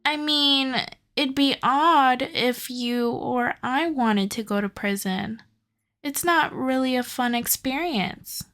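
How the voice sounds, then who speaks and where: A high-pitched woman speaks slowly and very theatrically, playing an obsessed young kidnapper who is sweetly possessive and in love in an ASMR roleplay. She dotes, coaxes, and reassures while keeping soft control.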